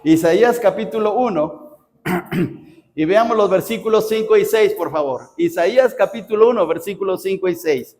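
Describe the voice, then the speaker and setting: A Mexican man preaching, pitched high for a man and firing off rhetorical questions to his congregation. His voice rings out with a long reverb from the church hall around him. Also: normal speed, a little mellow. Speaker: pastor. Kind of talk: sermon.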